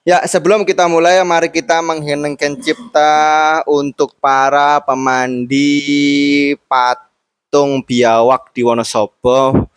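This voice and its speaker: A man's voice: a little high, flat delivery, takes it slowly, clean tone, no echo. Young male host from Boyolali, playful schoolboy banter, dry close sound. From Boyolali, Central Java. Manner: playful, jokey, mixes in Javanese words. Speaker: host interviewing classmates. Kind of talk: casual school interview chat.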